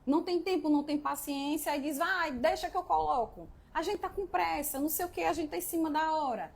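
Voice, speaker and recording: Uma mulher jovem que apresenta uma live e fala a outros pais sobre como criar os filhos, de modo sério e animado, e pergunta "né?" a toda hora. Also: female voice, sits high. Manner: earnest, animated, often asks "né?". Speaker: live-stream host, mother giving parenting advice. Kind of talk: casual live-stream talk.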